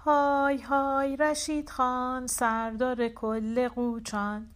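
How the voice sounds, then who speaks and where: Woman doing young soldier singing a slow sad folk tune, higher than her narration. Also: level tone, lightly acted. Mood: mournful. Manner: sings slowly, drawn-out mournful phrases.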